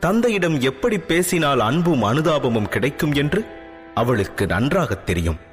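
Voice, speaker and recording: A male storyteller narrating a scripted audio drama. His fairly high voice moves through a lively, animated range. Soft music runs under him, and a long hall reverb trails his words. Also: normal speed. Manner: expressive storytelling.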